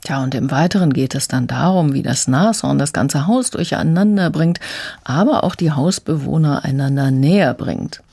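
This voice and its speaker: A woman critic calmly retelling and explaining children's books on the radio. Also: low voice, normal speed, gravelly, husky. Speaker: book critic guest. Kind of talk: radio book review.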